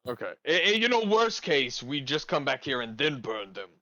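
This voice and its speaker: Male tabletop player, casual and halting: very bright, forceful voice, dry, slightly dull mic. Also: mid-range voice, big pitch swings, dry recording. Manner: hesitant, repeats words.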